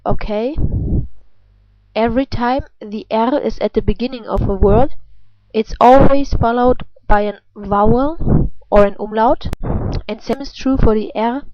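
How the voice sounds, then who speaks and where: Female language teacher, native German with German accent, slow measured delivery, throaty R demonstrations, dull lo-fi recording. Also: on the high side. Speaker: pronunciation teacher. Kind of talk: instructional language lesson. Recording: dull, lo-fi sound.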